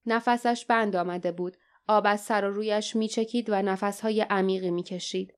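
A woman narrating an adventure audiobook in a steady, dramatic storytelling manner. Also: mid-range voice, clean tone. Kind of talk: scripted narration.

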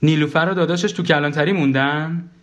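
A man voicing a bossy, chattering woman, a wife and mother, who scolds and fires off questions in a shrill voice. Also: steady tone, fairly bright tone, close to an everyday voice.

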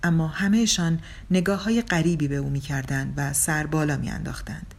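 A woman calmly reading a story aloud as an audiobook narrator. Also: deep voice. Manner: calm, measured storytelling.

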